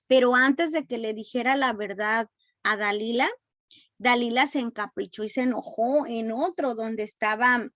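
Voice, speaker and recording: A woman teaching a Bible story in a relaxed, unhurried way, often correcting herself and acting out quoted lines. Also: a little high, no room sound. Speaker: preacher.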